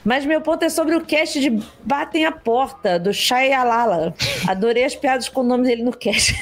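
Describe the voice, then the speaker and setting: Brazilian female podcast co-host, high voice, reading messages aloud in a chatty way. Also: moderate pace. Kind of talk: reading listener mail aloud with chatty asides.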